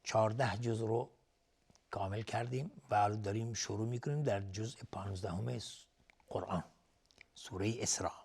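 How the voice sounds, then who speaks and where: A man teaching Quranic recitation rules on a TV lesson. He chants verses slowly and drawn out, then explains each rule in quick, plain talk. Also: fairly low pitch, steady tone, darkish tone, breathy edge. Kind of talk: tajweed lesson with slow recitation. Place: TV studio.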